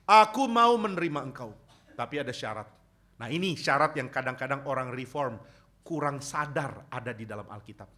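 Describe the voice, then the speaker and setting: A male pastor with an Indonesian accent preaching a sermon, swinging between loud, raised lines and quiet, low ones, and acting out quoted voices. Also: fairly quick. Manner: preaching with sudden rises and drops in loudness, acting out quoted voices.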